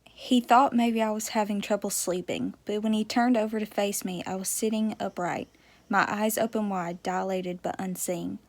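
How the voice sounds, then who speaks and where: A woman narrating a first-person memoir as an audiobook, in a steady, measured reading. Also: mid-range voice.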